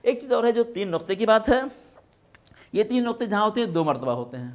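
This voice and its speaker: A man's voice: high-pitched, expressive. A man teaching a Quran recitation class, explaining patiently and checking in with his listeners through frequent questions. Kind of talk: religious classroom lesson.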